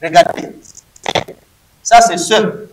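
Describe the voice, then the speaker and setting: A man's voice: high-pitched, slow pace, echoey room, rough recording. A man teaching a Hebrew grammar lesson to a class, emphatic and repeating words to drill them.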